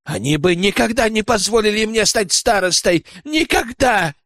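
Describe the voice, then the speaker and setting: A bitter, scheming village outcast, as a man reads him, sullen and full of self-pity. His lines swing up and down in pitch through a dry, close audiobook reading. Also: very animated, a little slow, a bit bright, husky, no room sound, heavily acted. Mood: desperate. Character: resentful scheming male village outsider.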